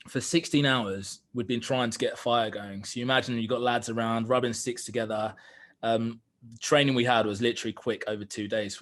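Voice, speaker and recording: A young man telling a personal story as a podcast guest, candid and earnest, with frequent fillers. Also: medium pitch. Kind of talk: reflective storytelling in conversation.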